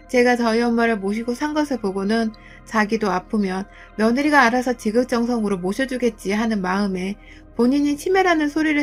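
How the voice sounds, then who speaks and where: A woman narrating a first-person true story in an indignant, emphatic way. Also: on the high side.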